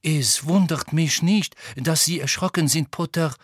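Guy putting on a sharp bossy nurse lady voice, pitched up, scolding. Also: a little slow, slightly rough, no echo, studio quality. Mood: indignant. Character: brisk, indignant middle-aged female school nurse. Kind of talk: audiobook character voice.

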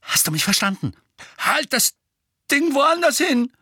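A man's voice: on the high side, very animated, normal speed, a bit bright, husky, no echo, voice pushed up, full character voice. A man voicing a cool, sarcastic teenage boy who mocks his cousin. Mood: threatening. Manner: dry mocking sarcasm.

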